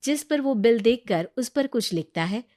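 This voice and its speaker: In a close, dry recording with no echo, a woman at an ordinary middle pitch narrates a moral tale from a script. Her pacing is even and steady, at normal speed.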